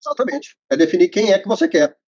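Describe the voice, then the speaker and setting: Very animated, a host with a husky, rather high and darkish voice walks accountants through a method step by step. Fillers punctuate his explanations, and the muffled recording has a lo-fi quality.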